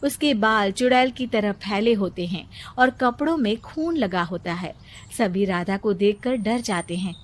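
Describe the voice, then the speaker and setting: A woman reads a scripted story as narrator. Her voice sits at a middle pitch, telling the tale scene by scene. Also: unhurried.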